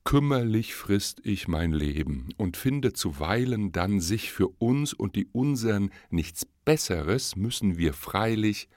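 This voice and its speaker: A man playing a sly, flattering fox. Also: lowish voice, slow pace, few pauses, dry recording, clean studio sound. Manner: smooth, courteous, scheming. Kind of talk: audiobook reading of a verse fable.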